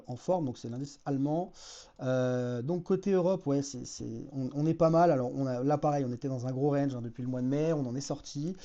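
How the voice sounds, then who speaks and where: A man's voice: fairly high pitch, dark tone, lo-fi sound. A man hosting a weekly market review, casually walking through charts, hesitant, with many fillers and self-corrections. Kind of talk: casual chart-walkthrough commentary.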